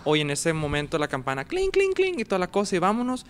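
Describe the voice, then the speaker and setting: Animated man telling a story. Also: fairly high pitch, fast talker, a little hiss or hum. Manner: animated, acts out dialogue and sounds. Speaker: guest telling his vocation story. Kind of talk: casual storytelling.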